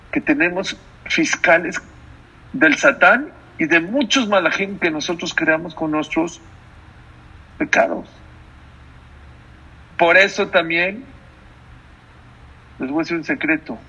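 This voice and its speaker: A rabbi delivers a sermon in a fairly high, bright, husky voice with vocal fry and a forceful tone. He takes it slowly, leaving long pauses, speaking emphatically, repeating phrases and putting questions to his listeners. The recording is dull and lo-fi.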